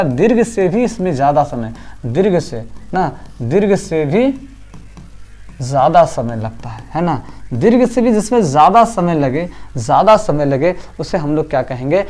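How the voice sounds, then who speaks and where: Animated man teaching grammar. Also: on the high side. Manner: repetitive drilling, rhetorical questions to students; chanting vowel sounds aloud. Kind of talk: online class lecture.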